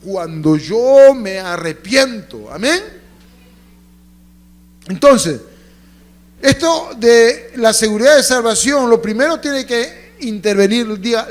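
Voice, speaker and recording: Pastor, male, high voice; call-and-response sermon, hushed tellings broken by loud calls. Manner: call-and-response preaching, asks congregation to repeat; swings between loud emphatic lines and hushed storytelling. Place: church.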